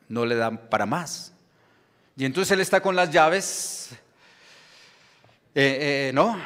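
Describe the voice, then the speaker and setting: A pastor preaches a sermon in a church sanctuary, speaking emphatically and throwing rhetorical questions at the congregation. His voice is medium-pitched and a bit bright, carried by the long reverb of the church hall.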